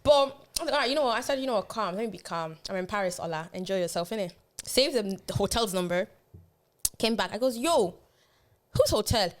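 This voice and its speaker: Fast-talking young woman storyteller. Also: medium pitch. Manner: animated, swearing, slangy storytelling. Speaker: podcast co-host. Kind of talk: casual storytelling chat.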